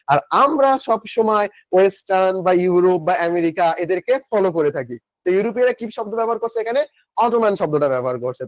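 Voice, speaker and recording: A man's voice: high voice, dry recording. A young man with a Bangladeshi Bengali accent teaching a live online class, chatty, asking and answering his own questions and reading out student comments. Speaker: online admission-coaching teacher.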